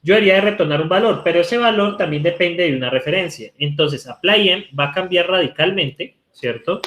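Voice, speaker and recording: A man's voice: high-pitched, a little fast, a bit bright. A male university lecturer from Colombia with a Colombian Spanish accent, explaining code live and checking in with students by asking "right?" again and again. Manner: talks while typing code, asks rhetorical "¿cierto?" often. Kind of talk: live online coding lecture.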